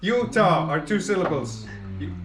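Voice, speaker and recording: A man's voice: fairly high pitch, very animated, moderate pace, over loud music. A man playing along as a quiz contestant, pedantically quibbling over the answers with stammering restarts. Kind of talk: casual group quiz. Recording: echoey room, mic far off, loud crowd.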